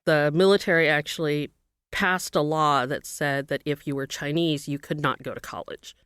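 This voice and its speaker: A woman's voice: sits low, steady tone, a bit bright, clean tone, dry recording, studio quality. A middle-aged woman from Burma, raised in California, speaking as an interview guest, thoughtfully explaining her background and work. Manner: thoughtful, explanatory, with occasional pauses. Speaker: guest, professor. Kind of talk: interview, personal account.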